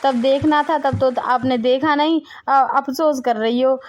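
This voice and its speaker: A woman's voice: high voice, steady tone, measured pace, a little hiss or hum. A woman voicing a nosy, mocking neighbor woman in a cartoon story. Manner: mocking, gossipy.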